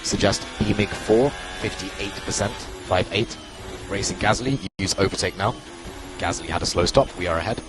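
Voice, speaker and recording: A man working as a race engineer on team radio, giving calm, clipped spotter-style instructions and repeating key calls. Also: low voice, normal speed. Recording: radio transmission with loud music behind.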